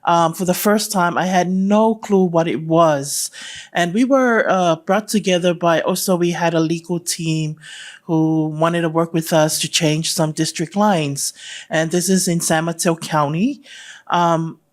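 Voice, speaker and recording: An audience member from California asking a question at a panel, hesitant with many pauses. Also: mid-range voice, steady tone.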